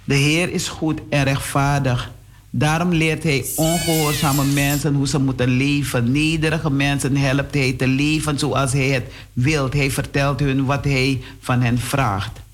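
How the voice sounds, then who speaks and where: A man preaching a sermon on the radio, whose voice jumps up in pitch and speeds up at times. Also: steady tone, a little slow. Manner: preaching with sudden rises in pitch and pace. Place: radio studio.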